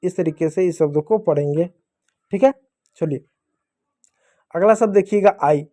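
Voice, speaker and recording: Guy with a high but mellow voice teaching little kids phonics, slow and patient, keeps asking then answering himself. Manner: patient, repeats each rule as a question and answer. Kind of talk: phonics lesson for young children.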